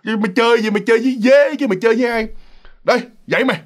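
A man's voice: sits high, very fast, a bit bright, voice pushed up. A man doing a grumpy scolding young guy. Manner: scolding and coarse. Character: young man, grumpy friend turning scared.

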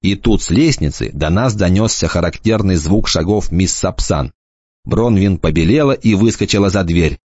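A man reading an audiobook in a measured, scripted narration. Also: low-pitched, a little mellow, dry recording, highs cut off.

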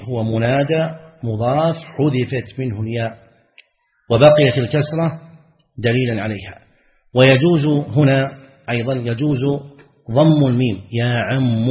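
A man, a sheikh, teaching a religious text in a classroom lesson, repeating words slowly and asking the class questions. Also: mid-range voice. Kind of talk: classroom lesson explaining grammar. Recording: lo-fi, echoey hall.

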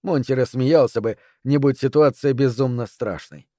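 A man narrating an audiobook with a steady, even delivery. His voice sits in a middle range. The recording is dry and close, with no room sound. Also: medium pitch, normal speed, dry recording.

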